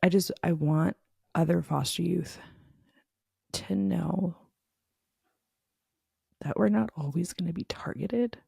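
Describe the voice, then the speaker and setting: A woman's voice: on the low side, slow pace, vocal fry, pauses often, a little mellow, slightly rough, dry recording, studio quality. A woman hosting her own podcast, talking candidly and earnestly, frustrated and emotional, in a conversational way full of "like" fillers. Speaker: podcast host. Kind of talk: candid solo podcast monologue.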